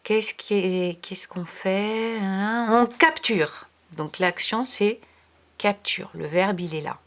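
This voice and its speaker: A woman teaching young children from home, in a slow, unhurried delivery. She is patient and careful, spelling words letter by letter and sometimes murmuring quiet asides. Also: medium pitch. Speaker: primary school teacher.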